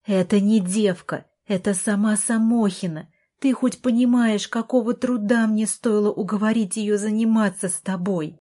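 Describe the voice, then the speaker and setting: A woman voicing an exasperated older sister, a doctor, who pleads and shouts at her brother in an audiobook. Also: medium pitch, steady tone, measured pace, breathy edge. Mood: desperate.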